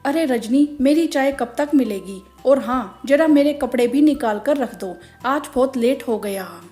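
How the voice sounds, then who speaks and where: Brief: a woman playing a pushy husband in a storybook reading, quick and complaining, mellow tone. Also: high-pitched, lively intonation, soft background music. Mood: impatient. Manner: impatient, pushy. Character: hurried husband, impatient office-goer.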